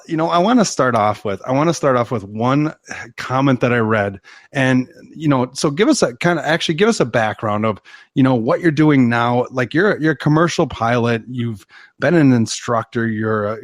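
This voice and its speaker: A man's voice: medium pitch, animated, moderate pace, no room sound, clean studio sound. A man hosting an interview podcast, talking casually and eagerly with lots of repeated words and restarts. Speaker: podcast host, firefighter.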